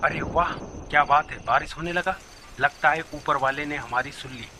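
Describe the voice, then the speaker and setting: A man's voice: on the high side, normal speed, pushed and bright, slight background noise. A man voicing a level-headed villager who brushes off his friend's fears and scolds him, in a cartoon story. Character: calm, scolding adult male villager.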